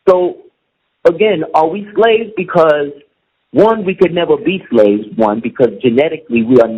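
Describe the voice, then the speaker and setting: A middle-aged man with a slightly high, husky voice speaks as a guest in a casual conversation. He's emphatic and keeps asking "you see what I'm saying," and the audio is muffled and lo-fi.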